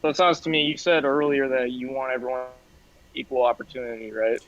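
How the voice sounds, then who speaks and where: A man speaks haltingly in a casual debate. He stumbles and apologizes as he works out his points. His voice comes through a dull, lo-fi call. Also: medium pitch, steady tone, a bit bright. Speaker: debate guest. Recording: dull lo-fi video call audio.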